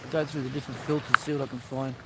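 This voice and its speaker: A man's voice: mid-range voice, level tone, very fast, very noisy. An Australian man chatting easygoing to viewers on a live stream, greeting them by name. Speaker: livestream host. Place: outdoors by the sea.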